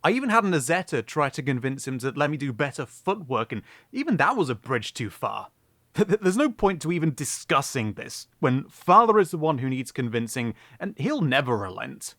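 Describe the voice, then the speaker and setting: A man's voice: mid-range voice, very animated, normal speed, a bit bright, no room sound, studio quality. A man playing a dutiful young prince, Uriel. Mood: resigned. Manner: nervous laughing, turns commanding. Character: young male prince, dutiful, fearful of his father. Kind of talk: fantasy audio drama acting.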